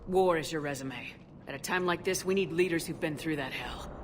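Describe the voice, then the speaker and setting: A woman playing a resolute, steady military commander in a video game, speaking in a firm, direct manner. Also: deep voice, a little fast, a little hiss or hum, natural voice. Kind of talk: video game cutscene acting.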